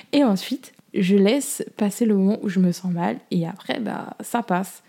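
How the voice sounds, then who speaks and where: A woman's voice: mid-range voice, lively intonation, measured pace, vocal fry, dark tone, breathy edge. A young woman hosting a podcast, chatting casually and candidly in slangy, informal speech as she shares personal advice. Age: young adult. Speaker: podcast host.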